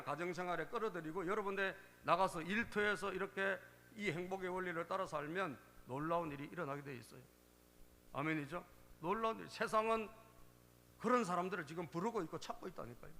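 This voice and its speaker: A man's voice: high-pitched, pushed and bright, big-room sound. A male pastor preaching a sermon, emphatic and repeatedly prompting the congregation for a response. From Korea.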